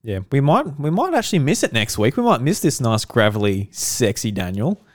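A man's voice: medium pitch, huge pitch swings, brisk, dry recording, studio quality. An Australian man hosting a casual chat with friends, with a joking, teasing manner. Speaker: podcast host. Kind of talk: casual banter among friends.

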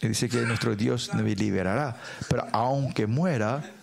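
A man preaching a sermon, reading scripture slowly and often adding tag questions and fillers. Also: mid-range voice, gravelly. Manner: reads scripture slowly and deliberately. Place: church service.

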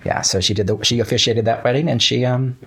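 Speaking fast in a mid-range voice with fairly even intonation, vocal fry and a breathy edge, this writer chats casually as an interview guest. His talk comes in stops and starts, full of hesitant false starts, and he keeps quoting himself as he acts out earlier conversations.

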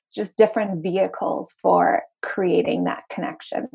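A woman's voice: lowish voice, steady tone, moderate pace, creaky, warm tone, slightly rough, muffled recording. A woman from Zimbabwe with a light Zimbabwean and South African accent that is mostly American, an enthusiastic, earnest marketing coach chatting as a podcast guest. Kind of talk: casual podcast conversation.

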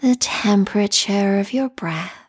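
A woman leading a guided meditation in a calm, soothing, meditative tone, with a soft, breathy, whispery voice. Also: medium pitch, a little slow.

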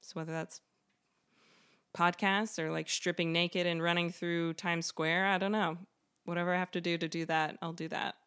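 A woman's voice: lowish voice, little pitch movement, moderate pace, fairly bright tone, smooth. A woman guest chatting casually on a podcast interview about her comedy writing and improv, talking loosely with many fillers and laughing easily.

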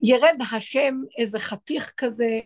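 High-voiced woman giving a religious talk. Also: no room sound. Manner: emphatic, full of rhetorical questions. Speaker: spiritual teacher.

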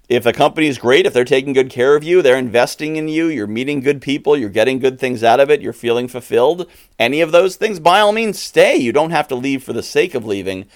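A middle-aged man hosting a podcast, delivering an earnest, emphatic motivational monologue. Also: medium pitch. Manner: earnest, emphatic, advice-giving. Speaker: podcast host.

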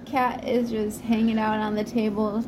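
A woman's voice: medium pitch, level tone, normal speed, a little hiss or hum. A woman co-hosting a casual podcast chat, teasing her co-host and laughing often.

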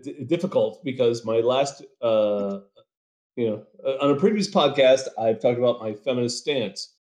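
A man's voice: medium pitch, a little mellow. A man co-hosting a casual podcast, giving an opinionated rant. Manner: opinionated, ranting. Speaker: podcast co-host. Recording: roomy echo.

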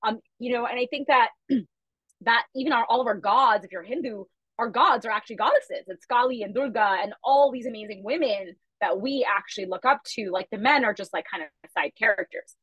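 A woman whose first language is Chhattisgarhi, the founder of a media company, is a guest on a casual podcast, telling fast, animated, emphatic stories about her company and upbringing. Her voice is a little high and slightly rough. The dry recording has no room sound, and its highs are cut off.

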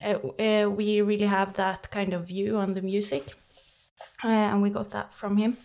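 A young woman with a Norwegian accent who speaks Norwegian natively, chatting as a guest in an interview, cheerful, laughing often, pausing with many fillers. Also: medium pitch, level tone, vocal fry, darkish tone. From Norway. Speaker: guest musician. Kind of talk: casual interview talk.

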